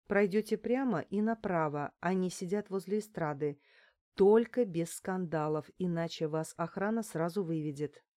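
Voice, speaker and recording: A woman's voice: fairly low pitch, normal speed, dry recording, clean studio sound, lightly acted. A woman doing a nervous restaurant manager. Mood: wary. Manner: nervous, hushed warnings.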